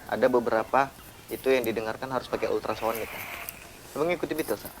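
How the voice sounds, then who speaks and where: A man's voice: medium pitch, fast, a little hiss or hum. A man co-hosting a casual chat, mostly asking short probing questions and adding brief replies. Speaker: co-host.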